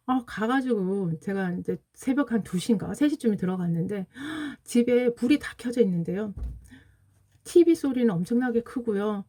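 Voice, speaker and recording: On a casual livestream, a woman in her forties with a fairly high-pitched, dark-toned voice greets viewers as they come in. She tells an emotional personal story earnestly.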